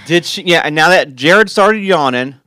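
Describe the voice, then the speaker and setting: A man's voice: a little high, animated, moderate pace, sharp tone, dry recording. A man hosting a casual podcast chat with his team, laughing often and restarting his sentences. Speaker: podcast host.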